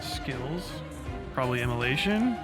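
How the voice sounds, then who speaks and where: This gaming streamer talks in an expressive, mid-range voice at a slightly slow pace while video game music plays underneath. His running commentary is casual and crude, with lots of swearing and sardonic side remarks.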